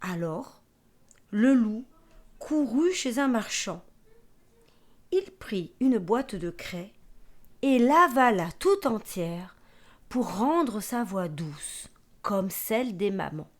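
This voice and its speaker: A woman teacher reading a fairy tale aloud, expressive and sometimes whispering for suspense. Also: mid-range voice, slow pace, pauses often. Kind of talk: storybook narration.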